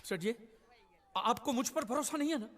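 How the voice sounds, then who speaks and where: A man's voice: very high-pitched, expressive, moderate pace, crowd noise. A sly, melodramatic con man. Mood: fake tearful. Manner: fake tearful, theatrical. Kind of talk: film comedy acting.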